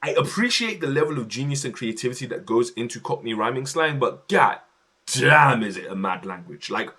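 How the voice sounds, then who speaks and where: A man's voice: mid-range voice, expressive, brisk, pushed and bright. A young man chatting casually on his livestream, slang-heavy and talkative, in his home office.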